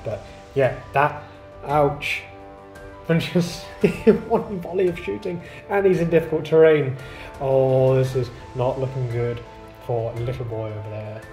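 A man's voice: mid-range voice, unhurried, darkish tone. A man playing a tabletop wargame, chatting playfully and laughing often. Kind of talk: casual chat over a tabletop game. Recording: echoey room with music. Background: background music.

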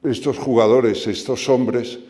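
A man in his sixties giving an animated, somewhat halting speech at an awards gala. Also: mid-range voice. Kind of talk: acceptance speech. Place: event hall.

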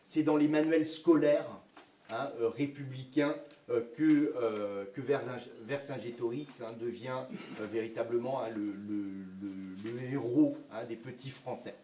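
A man's voice: mid-range voice, unhurried, warm tone. A man giving a public history lecture, hesitant, with many filler words and restarts. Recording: echoey room, mic from far off.

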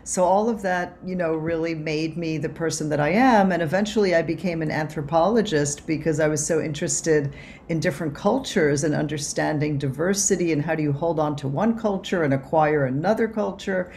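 A woman from Cuba, an author and anthropologist, answering interview questions over a video call in a reflective way with many pauses and restarts. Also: low voice, a little mellow, slight background noise. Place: home office.

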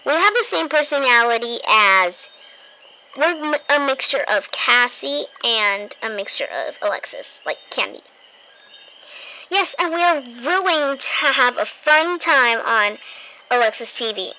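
A woman's voice: a little high, very animated, measured pace, sharp tone, heavily acted. A woman voicing a cheerful girl doll host in a sing-song, giggly way, on a noisy phone recording.

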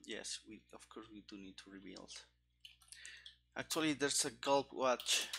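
Wearing a headset at his computer desk, a man in his thirties hosts a coding stream, haltingly muttering his thoughts aloud as he programs. His mid-range voice is slightly bright, with some background noise plus keyboard typing and clicking.

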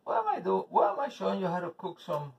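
A middle-aged native Spanish speaker with a Spanish accent, English being his second language, talks through a casual home cooking video in his kitchen, rambling into bitter, profane rants. His high-pitched voice swings hugely in pitch at a quick pace, with vocal fry and a breathy edge. A camera across the counter records him from a distance, off-mic, with faint noise.

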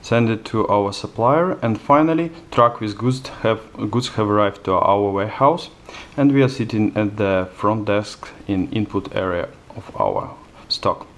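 Man, low voice, hesitant fillers, step-by-step demo narration. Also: animated, measured pace. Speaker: software demonstrator. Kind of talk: screencast product demo narration.

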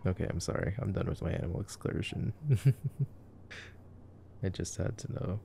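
Murmuring relaxed, joking remarks about a film, a young ASMR boyfriend roleplayer speaks at normal speed. His low voice is gravelly and dark, and there is slight background noise.

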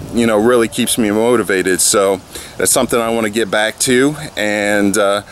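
A man's voice: on the low side, slight background noise. A man in his thirties chatting casually in a vlog, filmed on a handheld camera outside his house and in his garage. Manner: relaxed, rambling with fillers. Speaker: fitness vlogger. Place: outdoors by a house, then a garage. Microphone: handheld camera at arm's length.

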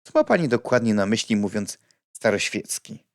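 A man reading an audiobook and voicing a reserved, polite, old-fashioned gentleman with a hesitant, stiff manner. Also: lowish voice, sing-song, moderate pace.

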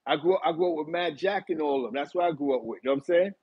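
Middle-aged man, New York accent, animated storytelling, fairly high voice, muffled phone audio. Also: rapid-fire, slightly rough, dry recording. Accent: New York City. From East Harlem, New York City. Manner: animated, gestures a lot while reminiscing. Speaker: host. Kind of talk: casual storytelling to a live chat. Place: small bright room indoors.

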